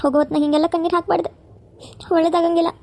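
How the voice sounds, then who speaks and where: A woman's voice: very high voice, little pitch movement, racing, warm tone, voice pushed up. A woman voicing a caring, protective elder sister who coaxes and scolds. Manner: coaxing, then firm and scolding.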